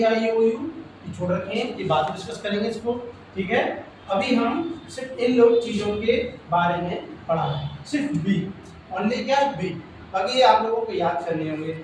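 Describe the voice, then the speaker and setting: A man teaching a classroom phonics lesson, slowly drilling letter sounds and asking questions. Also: sits high. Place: school classroom. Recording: echoey room from far off with noise.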